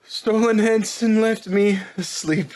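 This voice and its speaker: Bottom, an actor's slow, wonderstruck stage fool. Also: male voice, sits high, darkish tone. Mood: dazed wonder. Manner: halting, wonderstruck, broken phrases. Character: bewildered, vain simple craftsman waking from a wondrous dream. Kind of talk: Shakespearean stage monologue.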